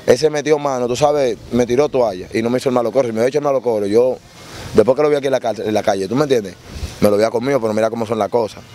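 A man tells his street and prison stories at a rapid clip, acting out the other people's voices as he goes. His voice sits at a middle pitch, and faint background noise runs under the recording. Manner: animated storyteller, acts out voices in his tales. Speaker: interviewee recounting street and prison life. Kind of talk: casual storytelling interview.

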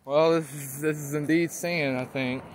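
Touring a half-built house and its muddy yard, this male vlogger talks in a loose, informal way, frequently stumbling and saying things twice. His voice sits on the high side with a steady tone at normal speed, and there's a faint hiss or hum.

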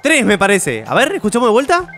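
Animated man narrating his gameplay. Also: high-pitched, quick pace, soft background music. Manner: chatty, talks to viewers, thinks aloud. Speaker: gameplay YouTuber. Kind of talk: gameplay commentary.

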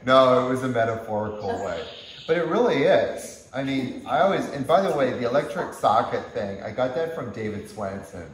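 A man giving a workshop-style yoga lecture in a gentle, unhurried way, with frequent chuckles. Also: mid-range voice, expressive, far from the mic. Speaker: yoga teacher. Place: teaching hall at a yoga retreat center. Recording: echoey room.

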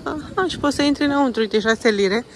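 A woman's voice: high-pitched, slight background noise. Chatty mother vlogging through a mall. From Romania. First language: Romanian. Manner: chatty, coaxing and patient with her child, mixing in English phrases. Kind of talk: casual walking vlog, talking to camera and child. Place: indoor shopping mall.

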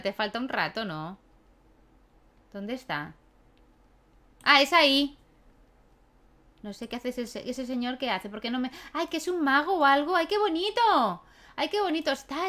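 A young female gaming YouTuber with a fairly high, bright, forceful voice gives casual let's-play commentary on a life-sim game. She chats with her characters and laughs often.

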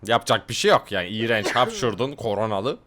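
A man's voice: lowish voice, big pitch swings, fairly quick, a bit bright, a little hiss or hum. A young man hosting a game video, joking, laughing often and translating lines aloud in casual commentary. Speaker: gaming video host. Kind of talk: casual let's-play commentary.

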